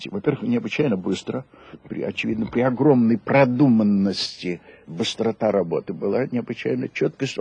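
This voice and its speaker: An older man reminiscing in an interview, halting and deliberate, with emphatic descriptions in a gravelly, husky voice. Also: medium pitch, darkish tone, dry recording. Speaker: interview guest.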